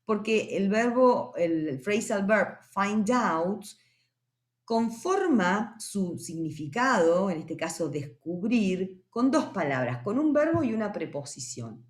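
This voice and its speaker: Female teacher for a recorded lesson, patient explainer, very expressive up-and-down delivery, roomy echo. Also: mid-range voice. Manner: explains patiently, often asks "¿sí?" to check understanding; says English words slowly and clearly. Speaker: English teacher.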